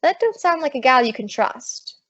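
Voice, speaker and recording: High-voiced wisecracking Maisie, played by a woman. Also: expressive, normal speed, a bit bright, husky, no room sound, full character voice. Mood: skeptical, wry. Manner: sassy, slangy delivery. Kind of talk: old-time radio comedy acting. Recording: dull lo-fi close dry recording.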